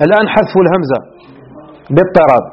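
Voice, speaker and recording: A male teacher explaining a classical grammar text line by line, often pausing to check that his students follow. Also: on the high side, animated. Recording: muffled lo-fi recording.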